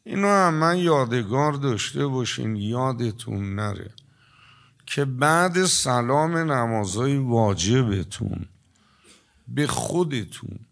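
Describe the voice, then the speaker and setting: An older man giving a sermon to a gathering, telling stories and drawing some words out slowly before rushing through others. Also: medium pitch, animated, creaky, a bit bright. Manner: storytelling, shifting between slow, stretched emphasis and quick asides. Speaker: preacher. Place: religious gathering with an audience.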